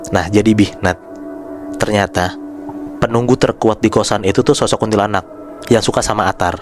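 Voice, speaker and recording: A man hosting a podcast, telling a horror story in a relaxed, chatty way and addressing his listeners by name. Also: on the low side, a little fast, over music. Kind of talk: casual spoken storytelling.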